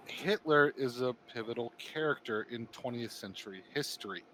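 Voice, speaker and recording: A man on a casual podcast stream, recounting things in an animated way and stumbling over words now and then. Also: mid-range voice, normal speed, background noise. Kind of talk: casual group chat on a stream.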